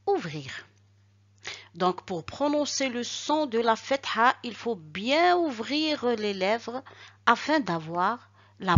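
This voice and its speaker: A woman teaching Arabic letters and short vowels, speaking slowly and deliberately and pronouncing each syllable carefully for learners to repeat. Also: fairly high pitch. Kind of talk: slow instructional lesson. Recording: dull lo-fi recording.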